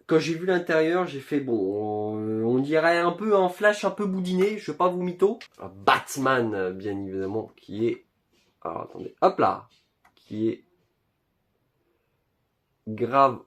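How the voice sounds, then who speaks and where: A young man, chatting casually through an unboxing of his purchases, with plenty of fillers and joking slangy asides. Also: mid-range voice. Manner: chatty, lots of fillers and self-corrections. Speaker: video creator showing his purchases.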